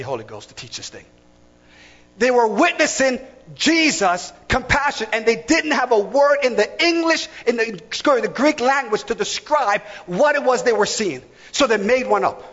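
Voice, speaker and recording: A man's voice: extremely high pitch, a bit bright, in a large hall, lo-fi sound. A man preaching a sermon to a congregation, building to emphatic repeated lines.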